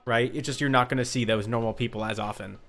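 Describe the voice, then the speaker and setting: Over background music, a man streams a game and chats with his viewers in a rambling, informal, sweary way. His mid-range voice is fast, a bit bright, and fairly even in intonation.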